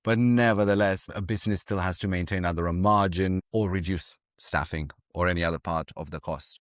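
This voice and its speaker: A man's voice: low voice, brisk, no echo, studio quality. A man hosting a podcast interview, asking short probing follow-up questions. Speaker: podcast host. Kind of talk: conversational interview.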